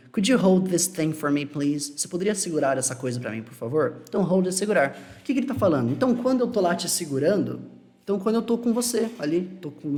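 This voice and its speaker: A Brazilian man giving a casual English lesson, explaining phrases patiently and repeating them. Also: on the high side. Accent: Brazilian Portuguese. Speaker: English teacher.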